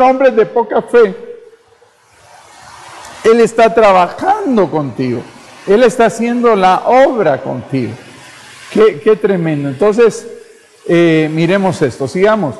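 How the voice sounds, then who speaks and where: A man's voice: high voice, darkish tone. A man preaching a fervent sermon, repeating phrases and calling the listeners brother. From Guatemala. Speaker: pastor. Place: church. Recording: church hall reverb.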